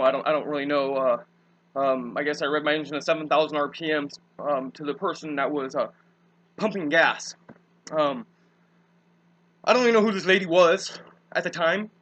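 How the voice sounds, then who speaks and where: A man's voice: a little high, moderate pace, pauses often, fairly bright tone, muffled recording. A young man, rambling casually with many fillers and swear words as he tells his side of a dispute.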